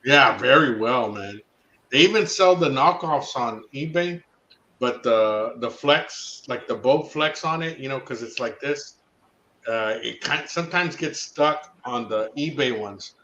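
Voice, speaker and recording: Bright-toned man on an echoey line. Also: mid-range voice, lively intonation, unhurried, muffled recording. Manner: enthusiastic, swears casually, explains gear. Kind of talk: casual chat.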